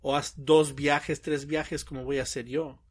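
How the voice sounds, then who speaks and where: A man's voice: on the high side, little pitch movement, unhurried, slightly rough. A young man chatting casually, telling stories animatedly and acting out quoted dialogue with frequent laughs. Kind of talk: casual chat.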